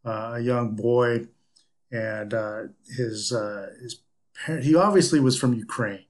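A man's voice: mid-range voice, unhurried. A man hosting a casual interview podcast, chatty and telling stories with plenty of filler words. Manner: chatty, tells anecdotes with many filler words. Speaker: podcast host.

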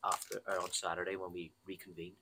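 A man's voice: sits low, level tone, fast talker, noisy background. A man with a Belfast accent, co-hosting a podcast in easygoing, chatty talk, laughing often and calling people mate. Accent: Northern Irish, Belfast. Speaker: podcast co-host. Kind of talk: casual chat.

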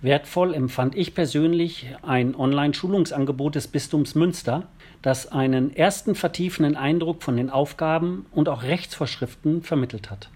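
A parish council member reads out a prepared statement, measured and formal. His voice sits a little high for a man. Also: darkish tone.

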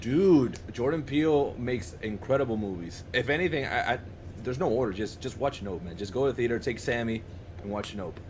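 A young man with a mid-range, expressive, slightly mellow voice talks a little fast while co-hosting a podcast, chatting enthusiastically with friends. He tends to restart and repeat himself mid-thought, and some light background noise is present.

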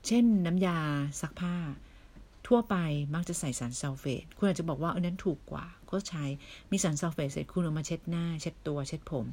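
A woman giving a casual, persuasive sales pitch for beauty products, chatty and full of questions for the listener. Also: a little fast, warm tone. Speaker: beauty product seller recruiting members.

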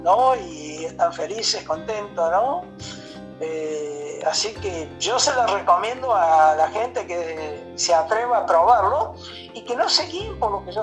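A man's voice: sits high, low-quality recording. Rambling older Argentine man. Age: 70s. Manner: rambling, many fillers and tag questions. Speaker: radio guest. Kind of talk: casual radio interview.

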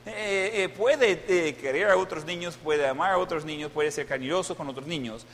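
A man's voice: a little high, moderate pace, fairly bright tone. A middle-aged male pastor giving a Mother's Day sermon, telling stories with a joking, self-mocking humor. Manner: storytelling with humor, playful self-mockery. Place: church. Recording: long church hall reverb.

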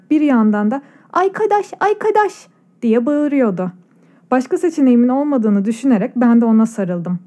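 A woman narrating a story in a calm, measured and reflective way, recorded in a studio. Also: a little high. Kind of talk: scripted audiobook narration.

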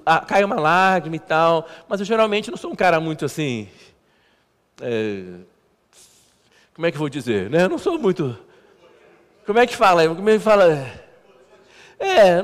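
A male pastor preaching a sermon in a halting, conversational way, repeating words and poking fun at himself. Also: high-pitched. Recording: long church hall reverb.

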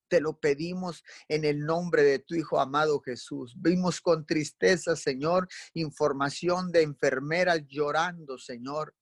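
A man's voice: fairly high pitch, creaky, dry recording. A man leading a fervent live prayer, calling on the Lord between every phrase.

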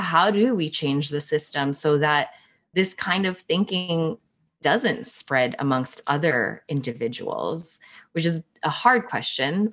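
A woman's voice: low-pitched, a bit bright. A young woman, born in the Philippines, speaking earnestly and reflectively as an interview guest with small laughs. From Philippines, raised in Canada. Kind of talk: casual interview chat.

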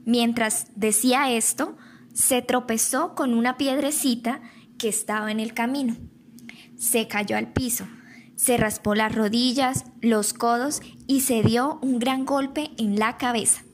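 Higher-voiced Colombian woman storyteller. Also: steady tone, a little slow, slight background noise. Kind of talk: scripted children's story narration.

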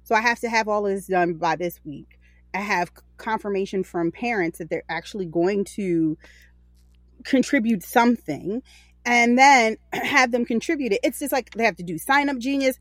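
A woman's voice: medium pitch, moderate pace, no echo. Candid woman in her forties, dry sound. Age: 40s. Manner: candid, rambling, self-correcting. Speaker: podcast co-host. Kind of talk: casual chat.

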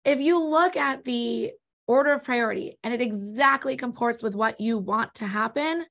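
A woman's voice: fairly high pitch, moderate pace, creaky, a bit bright. A woman, an estate planning attorney from Los Angeles, California, explaining legal options step by step in an interview, with small restarts.

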